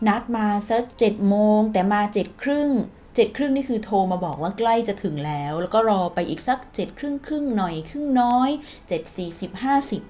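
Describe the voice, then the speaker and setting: A woman's voice: medium pitch, animated, fairly quick, few pauses, warm tone. A woman with a Thai accent, a native Thai speaker, teaching English phrases in a chatty, playful video lesson and acting out sample dialogues.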